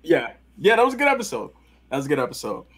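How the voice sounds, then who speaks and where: A man co-hosting a casual podcast, animated and joking, heavy on slang. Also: fairly high pitch, racing, breathy edge. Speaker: podcast co-host. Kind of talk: casual chat.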